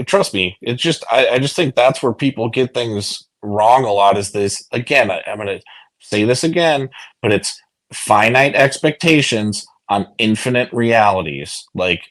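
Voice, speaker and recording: A man's voice: medium pitch, a bit bright. A man on an online voice chat panel, rambling and swearing as he argues his point with many restarts. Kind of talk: casual heated panel talk.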